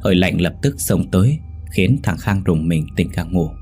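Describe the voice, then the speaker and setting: A man narrating a ghost story in a measured, suspenseful manner. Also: low-pitched, expressive, darkish tone, soft background music. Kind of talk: scripted horror story narration.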